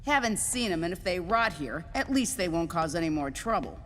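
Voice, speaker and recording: A woman playing a sharp-tongued, know-it-all schoolgirl in an anime English dub, with a cutting, haughty way of talking. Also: lowish voice, sing-song, a little fast, big-room sound, a little hiss or hum.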